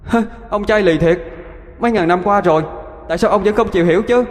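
A man voicing a mocking water ghost in a high, sneering voice. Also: fairly quick, big-room sound, lightly acted. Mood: taunting.

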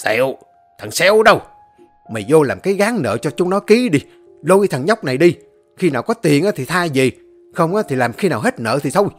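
A greedy old landlord roars his threats in a loud, raised voice, his pitch swinging high, as a man puts him on. He speaks, harsh and domineering. A storybook tyrant who never softens. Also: expressive, fast talker, soft background music, close to an everyday voice. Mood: furious. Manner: shouting furious threats. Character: greedy cruel old male landlord, bellowing.

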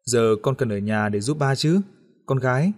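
A man's voice: medium pitch, moderate pace, a little mellow, natural voice. A man voicing a manipulative middle-aged father in an audiobook, speaking in a sweet, coaxing way that hides menace. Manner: coaxing and wheedling, turning to harsh threats.

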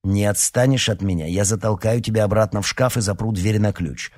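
A man voicing an irritable teenage werewolf boy who snaps and shouts at his sister. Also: lowish voice, fairly even intonation, a little fast, no room sound, clean studio sound, natural voice. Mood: irritated. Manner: snappy, shouting, annoyed.

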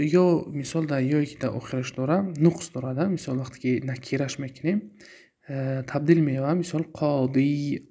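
Giving an Arabic grammar lesson in a Tajik accent, this man asks himself questions and goes over key terms slowly and repeatedly, speaking in a mellow, medium-pitched voice.

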